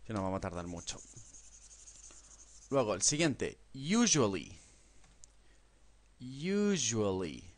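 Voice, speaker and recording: A male teacher, talking at an unhurried pace. His pitch rises and falls a lot as he explains, and he slows right down to model words for repetition. He often checks in with a little "¿vale?" at the end of a sentence. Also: very animated. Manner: models English words slowly for the listener to repeat; tags sentences with a questioning "¿vale?". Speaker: English teacher. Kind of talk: classroom-style lesson explaining grammar.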